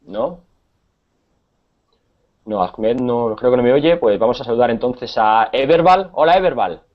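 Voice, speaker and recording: A man's voice: medium pitch, lively intonation, a little slow, highs cut off. A man from Spain with a Spanish accent, teaching an online Spanish class and explaining things patiently with many hesitations.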